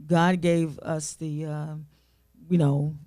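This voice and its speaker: A woman's voice: sits low, level tone, slow, mellow, no room sound, studio quality. A woman author being interviewed on a talk show, speaking earnestly and often of faith and blessing. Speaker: author and guest.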